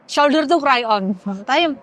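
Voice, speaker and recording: A woman, a podcast guest giving a candid, emotional personal testimony, halting and searching for words, teary-eyed. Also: high-pitched, lively intonation, fairly bright tone.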